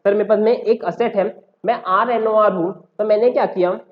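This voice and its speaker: A man's voice: sits high, fairly even intonation, moderate pace, lo-fi sound. Roomy-sounding male tax lecturer. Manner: Hindi-English mix, asks and answers his own questions. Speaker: tax law teacher. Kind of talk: classroom lecture.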